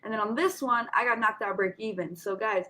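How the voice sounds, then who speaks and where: A woman with a mid-pitched voice talks students through charts in an informal live session. She has a slight lisp, as from wearing retainers. She addresses her listeners directly in an instructive way, often checking in with them. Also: brisk, bright, forceful tone, poor audio. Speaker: trading coach hosting a market session.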